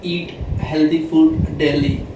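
A young man from India reads out each question plainly in a relaxed vlog chat. His voice is a bit high for a man and sounds distant. It comes through a very echoey room with heavy hiss. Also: slow. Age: 20s. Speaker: vlogger. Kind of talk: casual Q&A chat. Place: bedroom, indoors. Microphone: far camera. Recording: very echoey room, far mic, loud hiss.

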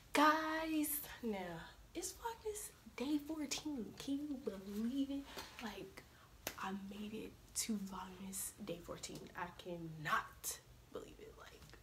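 A young woman vlogging casually to her viewers, her voice slightly hoarse from a cold, chatting informally and calling them y'all. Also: high-pitched, big pitch swings, takes it slowly, noisy background. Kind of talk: casual vlog chat to camera.

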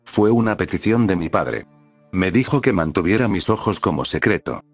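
A man reading as a calm, wry young ninja. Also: low-pitched, moderate pace, slightly rough, no echo, soft background music, exaggerated voice.

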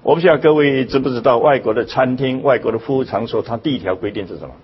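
An older man giving a public lecture with a husky voice, emphatic and full of rhetorical questions. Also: quick pace, a little hiss or hum. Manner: emphatic, rhetorical questions, sudden jumps in pitch. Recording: dull lo-fi recording.

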